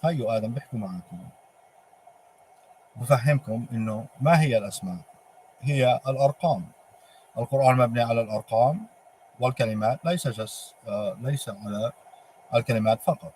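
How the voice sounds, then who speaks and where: A man with a Palestinian Arabic accent giving an informal religious monologue, halting and posing emphatic rhetorical questions. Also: medium pitch, darkish tone. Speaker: religious speaker. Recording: clearly noisy ambient background.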